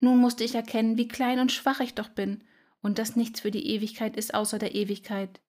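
A woman voicing a proud little female spider who pleads in a high, earnest voice in a children's audio story. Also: level tone, brisk, darkish tone, close to an everyday voice. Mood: pleading.

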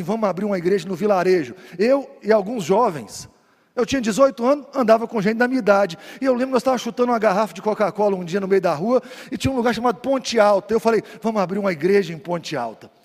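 A man, a pastor telling stories in a sermon, moving between loud preaching and quiet asides. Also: sits high, big-room sound. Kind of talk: storytelling sermon.

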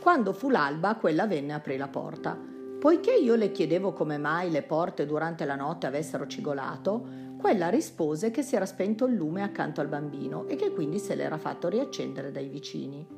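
A woman teacher reading a translated text aloud and explaining it in a lively way, often checking in with her listeners with a quick question. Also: sits low. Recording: clear music playing behind the voice.

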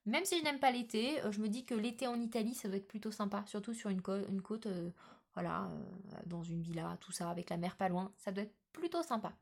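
A woman's voice: medium pitch, fairly quick, creaky. A woman talking casually in a book vlog, often hesitating with filler sounds and restarts. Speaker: book vlogger.

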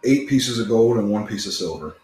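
A man's voice: on the low side, lively intonation, a little fast, a little mellow. A man narrating as game master for a tabletop game in a loose, rambling way with lots of fillers. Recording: echoey room with faint noise.

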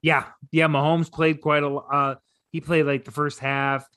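A man co-hosting a casual sports podcast, relaxed and rambling with lots of fillers and restarts. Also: fairly high pitch, normal speed, dry recording, clean studio sound. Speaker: podcast co-host.

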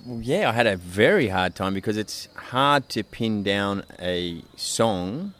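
Aussie guy w a broad australian accent, lowish voice, just chatting on a podcast. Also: expressive, measured pace, a bit bright. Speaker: podcast guest. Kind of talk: casual chat.

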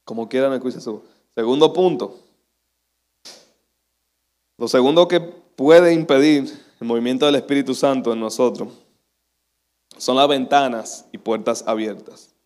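A man's voice: mid-range voice, moderate pace, long pauses, a little mellow. A young man preaching a sermon as a pastor, chatty and self-deprecating, laughing often.

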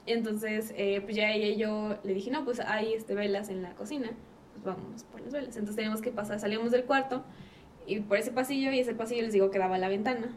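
A woman's voice: mid-range voice, steady tone, fast, darkish tone. A woman with a Mexican accent, a podcast guest telling a childhood ghost story in casual, slangy chat. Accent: Mexican Spanish. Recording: distant mic with faint ambient noise.

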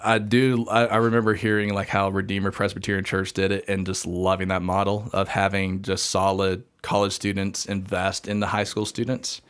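A man's voice: low-pitched, completely flat delivery, normal speed, hardly any pauses, clean tone. A young man talking casually as a podcast guest, rambling with many restarts and fillers and laughing often. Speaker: podcast guest, seminary student.

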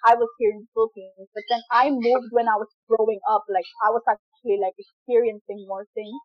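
Young woman guest, rambling and giggly, higher voice, dry muffled call audio. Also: flat delivery, brisk, no echo. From Papua New Guinea. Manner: rambling, many fillers, laughs often. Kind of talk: casual chat. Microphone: video call.

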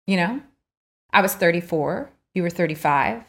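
A woman in her forties chats earnestly with her husband on their podcast, with a fairly low voice for a woman. She fills her sentences with "like" and "you know". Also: expressive, moderate pace, gravelly. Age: 40s. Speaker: podcast co-host. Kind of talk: casual chat.

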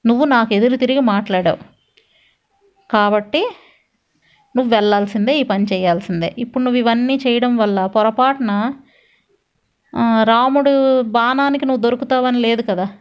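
A woman's voice: fairly high pitch, moderate pace, long pauses, natural voice. A woman reading out a domineering demon king. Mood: commanding. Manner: domineering, scolding. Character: arrogant male demon king, threatening. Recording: dull lo-fi recording.

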